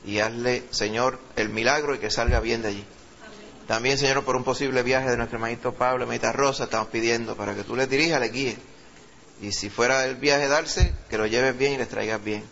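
Bright-voiced Puerto Rican pastor preaching. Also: male voice, mid-range voice, fairly even intonation, vocal fry, dull audio, slight background noise. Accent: Puerto Rican Spanish. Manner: fervent, reads scripture slowly with rising emphasis; pleading prayer with repeated "Señor" and "Padre". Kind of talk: sermon with scripture reading and prayer.

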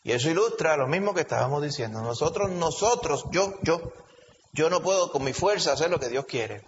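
A man preaching a sermon with a Puerto Rican Spanish accent, animated and full of rhetorical questions. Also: fairly high pitch, a little fast, slight background noise. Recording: lo-fi recording with long hall reverb.

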